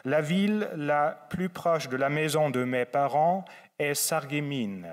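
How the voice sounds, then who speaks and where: A man with a German accent from Saarland gives a formal, measured academic lecture as a guest theologian. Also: fairly high pitch. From Saarland, Germany, on the French border. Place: large lecture hall at a faculty. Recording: echoey hall with long reverb.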